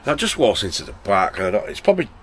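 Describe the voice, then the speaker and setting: A van-life vlogger in his late forties with a Northern English accent rambles informally and thinks aloud while chatting to viewers in an unscripted vlog. His voice is lowish and fairly bright, fast, with big pitch swings. The recording is noisy with traffic and vehicle sounds in the background.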